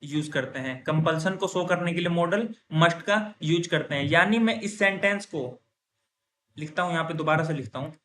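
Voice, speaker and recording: Teaching English grammar to a class, a man whose voice sits on the high side works through each point step by step. He frequently poses questions and answers them himself, and he slows down and raises his volume for example sentences.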